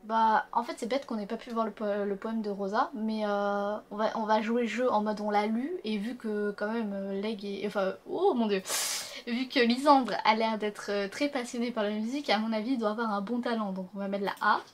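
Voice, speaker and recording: A woman's voice: mid-range voice, steady tone, normal speed. A young adult woman chatting through a story game as host, slangy and full of fillers, reading the characters' lines aloud along the way. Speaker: let's-play host. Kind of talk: casual gaming commentary.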